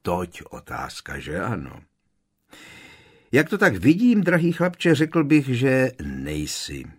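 A man's voice: mid-range voice, huge pitch swings, slightly rough, voice pushed up. Man putting on a serene old wizard. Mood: warm. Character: serene old male wizard headmaster, kindly. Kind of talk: audiobook character voice.

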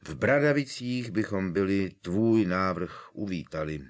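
A man doing a calm, wry old headmaster wizard, kindly and unhurried in his dry humor. The deep, low voice stays composed, a storybook sage who is never rattled.

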